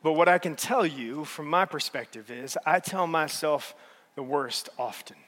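A man with a high voice preaches a sermon in a large church auditorium, his words trailing off into a long hall reverb. He swings from loud, emphatic peaks down to soft, low passages. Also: measured pace. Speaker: pastor.

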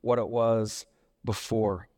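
A man's voice: on the low side, little pitch movement, slow pace, mellow. Preaching man in a reverberant hall. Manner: storytelling, acts out quoted voices. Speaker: pastor. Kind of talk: sermon.

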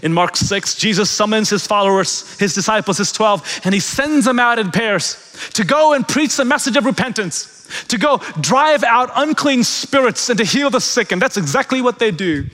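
A man preaching a sermon as pastor, swinging between loud, emphatic peaks and hushed, quiet passages. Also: high-pitched, animated, moderate pace. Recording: long reverb of a large hall.

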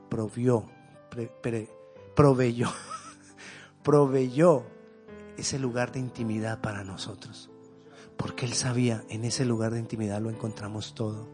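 A man preaching a sermon, moving between loud fervent rises and hushed, intimate lows, sometimes slipping into a conversational story. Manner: tells a homely story in a conversational way.

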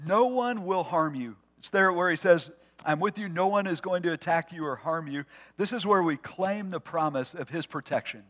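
A man preaching a sermon to his congregation, earnest and personal, dropping to a soft hush on key phrases. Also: high-pitched, expressive, moderate pace. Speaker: pastor.

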